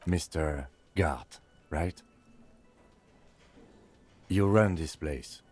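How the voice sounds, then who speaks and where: A calm, formal police lieutenant. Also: male voice, a bass voice, slightly rough, soft background music, full character voice. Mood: measured. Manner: measured, formal.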